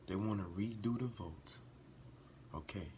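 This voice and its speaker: A slight hiss or hum sits under this man's low, mellow voice as he speaks a little slowly. Hosting a casual reaction video, he talks earnestly and passionately, restarting and repeating phrases until he breaks into emphatic outbursts.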